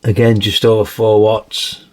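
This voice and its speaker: A man with a slightly croaky voice, chatting casually through a radio review and tossing in tag questions. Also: on the low side, level tone, measured pace, darkish tone, slight background noise. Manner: chatty, adds tag questions like "isn't it, really?". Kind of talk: casual product demonstration.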